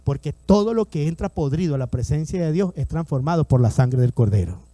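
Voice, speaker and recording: A male pastor from Latin America preaches an emphatic sermon, repeating lines, calling on the congregation to repeat his words, and acting out the voices in his stories. His voice is a little high, expressive and mellow, a little fast, with no room sound.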